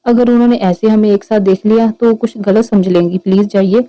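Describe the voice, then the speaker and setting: A woman voicing a shy, gentle young woman in love who speaks hesitantly. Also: medium pitch, fairly even intonation, brisk, no echo, lo-fi sound, lightly acted.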